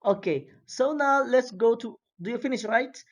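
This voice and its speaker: A woman whose first language is Spanish leads a classroom lesson at an unhurried pace. She patiently says each word slowly and repeats it so her students can echo it back. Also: a little high. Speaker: English teacher.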